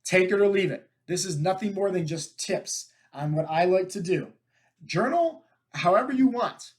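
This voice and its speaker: A man hosting a fitness coaching podcast, telling stories in an energetic, casual way and often checking in with "right?". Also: sits high, moderate pace. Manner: energetic, talks to listeners with frequent "right?" and "like" fillers. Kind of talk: casual storytelling monologue.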